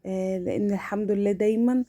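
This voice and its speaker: Woman, Egyptian Arabic accent, mellow dark timbre, medium pitch, casual household vlog narration, hesitant, familiar address. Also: fairly even intonation, fast. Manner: hesitant, repeating and restarting words. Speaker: home vlogger. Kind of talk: casual chatty voice-over of household routine.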